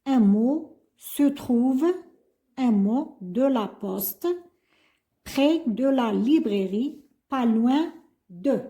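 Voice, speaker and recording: A woman's voice: a little high, mellow. An older woman, a retired primary school teacher, explaining an exam. She spells out words letter by letter and mixes French with Arabic. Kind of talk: classroom lesson explaining an exam.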